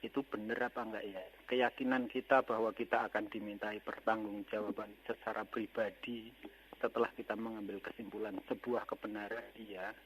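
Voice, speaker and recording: A man's voice: on the low side, level tone, moderate pace, a bit bright. A man calling in to a radio show who asks a religious question with courteous, hesitant and formal phrasing. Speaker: caller. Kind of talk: phone-in question. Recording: dull lo-fi phone line with faint noise.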